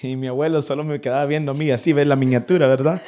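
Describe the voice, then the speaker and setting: A young man preaching a sermon to his church, animated and acting out the people in his stories. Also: medium pitch, very fast. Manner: animated, acts out nagging parents in a raised voice. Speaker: pastor. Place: church in Vancouver.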